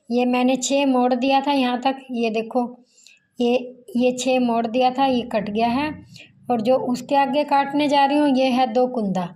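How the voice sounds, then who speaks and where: A woman teaching tailoring in a slow, repetitive sewing tutorial, counting measurements aloud as she cuts fabric. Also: high-pitched, a little mellow, poor audio.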